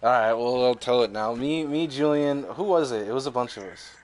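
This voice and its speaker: A man's voice: mid-range voice, brisk. A young man co-hosting a podcast in casual chat, rambling and swearing freely, laughing often. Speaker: podcast co-host.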